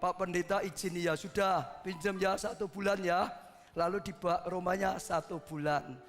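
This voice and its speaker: A man preaching a sermon with passion, swinging from loud peaks to hushed asides. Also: sits high, steady tone, moderate pace, long reverb tail, soft background music. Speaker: pastor.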